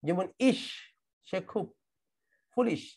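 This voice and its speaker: A man from Bangladesh with a Bangladeshi accent teaching English grammar in an online class, explaining rules slowly and repeating and spelling out words. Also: high-pitched, darkish tone. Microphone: computer mic in an online class.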